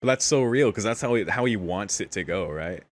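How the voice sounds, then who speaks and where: A man's voice: lowish voice, animated, a little fast. A young man hosting a casual anime reaction, exclaiming candidly, often laughing and swearing. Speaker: anime reaction channel host.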